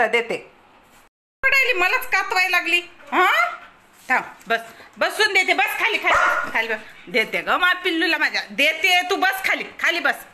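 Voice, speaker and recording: A woman's voice: very high-pitched, bright, forceful tone, slight background noise. A woman talking to her dog at home, coaxing and scolding it in baby talk. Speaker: pet owner filming her dog. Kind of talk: casual talk to a pet. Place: home, indoors.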